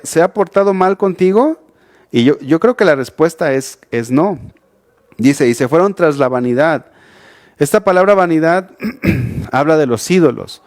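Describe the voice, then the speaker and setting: Conversational Mexican pastor, higher voice. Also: male voice, darkish tone. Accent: Mexican Spanish. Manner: conversational preaching with frequent restarts and rhetorical questions. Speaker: youth pastor. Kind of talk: sermon. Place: church, streamed online.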